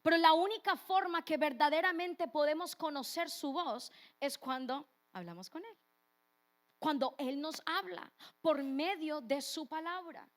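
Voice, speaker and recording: Woman preacher, very high voice, earnest, asks the congregation questions. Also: unhurried. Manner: earnest, questioning the listener directly. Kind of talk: sermon.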